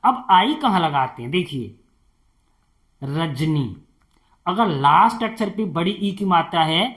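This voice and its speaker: A tutor teaching beginners to spell names, talking slowly, repeating each word and answering his own questions. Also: fairly high pitch, fairly bright tone.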